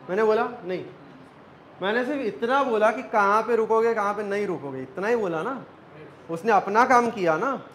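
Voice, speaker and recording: A man's voice: high-pitched, fairly bright tone, slight background noise, poor audio. A man, an acting coach teaching a class, quizzing students and joking with them.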